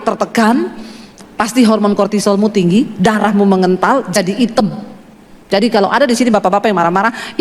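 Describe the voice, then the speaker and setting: A woman from Sulawesi preaching a sermon. She tells stories in a chatty way and asks the congregation questions. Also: sits high. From Sulawesi, Indonesia. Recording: reverberant hall.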